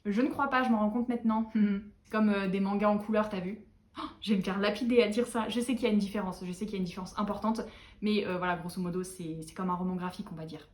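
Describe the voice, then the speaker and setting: A woman's voice: medium pitch, steady tone, fast talker. Chatty, self-mocking young woman, echoey room. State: tired. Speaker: book vlogger. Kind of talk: casual book chat to camera.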